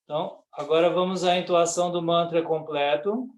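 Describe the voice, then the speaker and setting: A man's voice: fairly high pitch, steady tone, normal speed. A man with a Brazilian Portuguese accent teaching Sanskrit pronunciation, reciting word by word and chanting the verse. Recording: echoey room.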